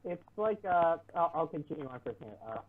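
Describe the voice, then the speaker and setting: A man's voice: a little high, very animated, quick pace. A man reading an article aloud on an online talk show, adding sarcastic asides and often stumbling and restarting. He sounds muffled, as if heard through a wall. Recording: muffled, distant, lo-fi mic with popping and faint hiss.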